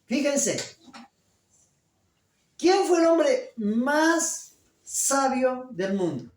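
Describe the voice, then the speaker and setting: A pastor preaching a sermon at a deliberate pace and pausing to put questions to the congregation. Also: high voice, very animated. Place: church. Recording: echoey church room, voice from a distance.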